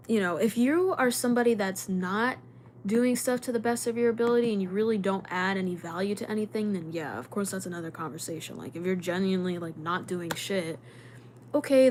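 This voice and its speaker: A young woman chats casually on her livestream, talking quickly and rambling with plenty of filler words. Her voice sits at a middling pitch, with a faint hiss in the background. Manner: fast, rambling talk with many fillers. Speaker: livestream host. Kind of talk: casual livestream chat with viewers.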